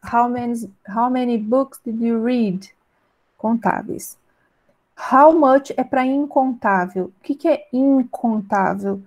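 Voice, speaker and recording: Teacher, mellow voice, English examples. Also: female voice, on the high side. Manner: explains in Portuguese, reads English examples slowly and clearly; keeps checking in with "né?" and "tá?". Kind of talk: online class lesson.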